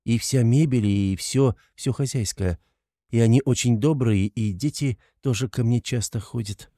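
A male reader lifts his voice to portray a poor, timid young woman who pleads in soft, faltering, flustered words, and the mood is shy. Beneath the raised pitch, his tone remains mellow with a dark edge. The close, dry recording has no echo and sounds near an everyday speaking voice.

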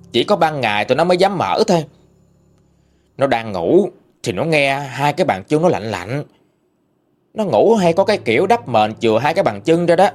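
Lively Southern Vietnamese male storyteller. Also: on the high side. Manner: lively, colloquial, expressive storytelling. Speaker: ghost story narrator. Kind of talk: storytelling narration.

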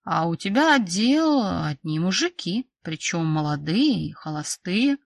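A woman's voice: on the low side, sing-song, measured pace, creaky, dry recording, distant mic, full character voice. A woman voicing a brash young male boss who is sly, smug and pushy, in an audiobook. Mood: patient. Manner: smug, wheedling, then snapping orders.

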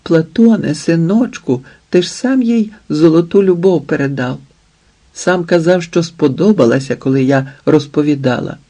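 A man's voice: fairly high pitch, normal speed, dark tone, voice pushed up. A man doing a flustered, elegant middle-aged lady. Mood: pleading, fretful.

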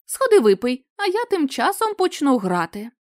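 A woman reading the part of an eager young woman who talks in a bright, excited, coaxing way. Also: high voice, moderate pace, pitched above the performer's own voice. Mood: cheerful.

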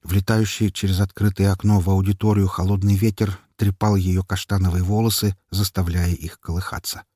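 A man narrating a first-person audiobook in an expressive, tense storytelling manner. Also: sits low, moderate pace, few pauses, husky, no room sound, clean studio sound.

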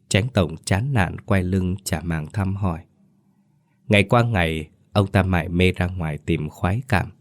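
A male storyteller reading a ghost story in a measured, solemn way. His voice is very deep and low. The recording is dry and close, with no room sound. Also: no room sound. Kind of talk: scripted audiobook narration of a ghost story.

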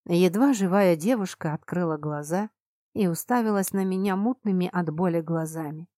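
A woman with a lowish voice reads a first-person fantasy audiobook, expressive and emphatic. The sound is dry and close, with no room around it. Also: moderate pace, dry recording. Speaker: audiobook narrator.

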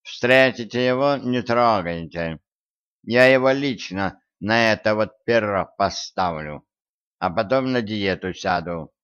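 A man's voice: on the low side, slow pace, fairly bright tone, clean tone. A man voicing a greedy, grumbling tomcat in a storybook, with a whiny drawl over dull lo-fi audio.

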